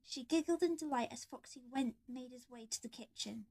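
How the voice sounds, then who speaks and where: A woman reads her own fan story aloud in the first person. The voice is high and clear. She keeps an earnest storybook tone. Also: fairly quick, darkish tone, slight background noise.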